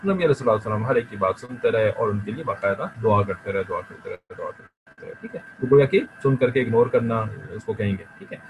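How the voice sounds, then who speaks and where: A man teaching an online class on the translation of Quran verses. He recites the Arabic slowly and then explains each phrase in plain Hindustani, checking in with "theek hai" between points. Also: lowish voice, lively intonation, narrow, tinny audio, noisy background.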